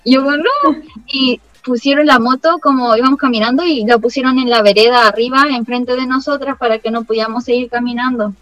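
A woman's voice: on the high side, fast talker, few pauses, no echo, dull audio. A young woman with a Chilean accent, a former missionary, telling a story in casual chat and often saying 'como'. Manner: lively storytelling, leans on the filler 'como'.

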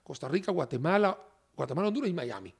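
A high-pitched man who talks with a gravelly edge and swoops all over his range. He chats as a guest in an animated, joking way, laughing through his sentences. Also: quick pace. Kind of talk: casual chat.

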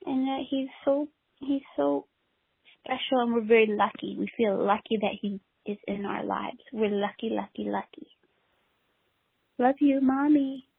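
A woman leaving a tender, halting voicemail message over a landline phone, her husky voice trailing off between phrases. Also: a little high, dry recording. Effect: voice heard over a landline phone voicemail. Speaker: new mother leaving a voicemail. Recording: tinny, dry phone-line voicemail.

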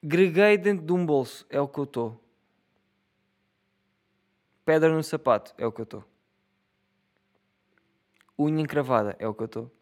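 A man's voice: a little high, animated, moderate pace, pauses often, a little mellow. A young man in his twenties with a European Portuguese accent, rambling and joking in a casual solo monologue, swearing freely and laughing at his own jokes. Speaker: solo podcaster.

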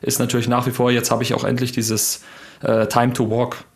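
A man's voice: mid-range voice, monotone, brisk. A man co-hosting a casual tech podcast, explaining with enthusiasm. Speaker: podcast co-host.

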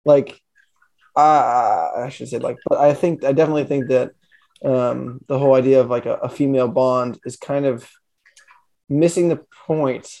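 A man's voice: mid-range voice, fairly even intonation, moderate pace, creaky, warm tone. A man co-hosting a podcast in casual chat, rambling with many fillers and restarts. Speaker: podcast co-host.

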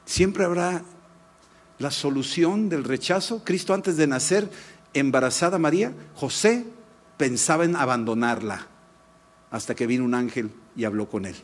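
A middle-aged man with a Mexican Spanish accent, preaching a sermon and telling a personal story in a lively, emphatic way. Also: mid-range voice. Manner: lively, shifts between animated anecdote and slow emphatic teaching. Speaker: pastor.

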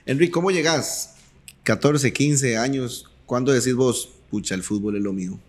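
A man hosts a podcast in a mid-pitched voice. He asks his guest questions in a friendly, upbeat way. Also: moderate pace. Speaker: podcast host. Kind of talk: casual interview chat.

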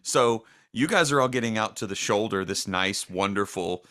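A man with a lowish, bright, forceful voice recounts an old story in a relaxed podcast chat. He tells it in a measured, dry way and jokes about himself. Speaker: podcast co-host.

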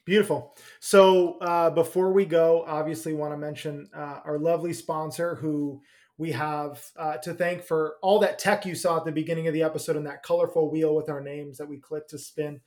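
A man co-hosting a podcast in casual chat, joking, laughing easily and filling pauses with "um". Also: fairly high pitch, level tone, a little mellow. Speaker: podcast co-host.

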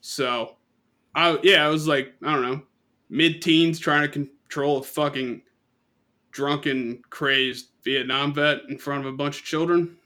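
A man's voice: a little high, fairly even intonation, unhurried, sharp tone. A young man casually telling rambling, profanity-laced stories on a podcast and laughing at his own jokes. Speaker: podcast co-host. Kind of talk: casual storytelling chat.

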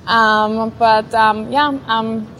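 Hesitant woman, fairly high voice. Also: completely flat delivery, fairly bright tone, soft background music. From Vienna, Austria. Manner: hesitant, thoughtful, many pauses. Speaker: guest, neuroscientist. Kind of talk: casual interview chat.

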